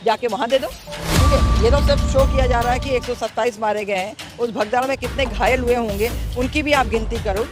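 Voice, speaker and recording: A woman's voice: a little high, fairly quick, loud music behind the voice. A woman answering a street interview outdoors, emphatic and indignant, often asking "right?" as she makes her points.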